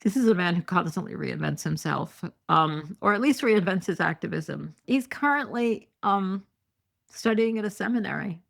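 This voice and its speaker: Her voice is medium-pitched and gravelly, animated but moderately paced, as this middle-aged woman hosts her podcast alone. She reads news articles with sarcastic, indignant asides, uses many fillers, and is losing her voice.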